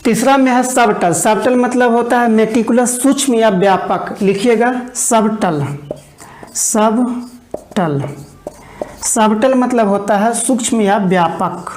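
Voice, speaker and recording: A woman teaching English vocabulary in an online exam-prep lesson, explaining each word and then dictating it slowly with repetitions. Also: a little high, a little mellow, echoey room, a little hiss or hum.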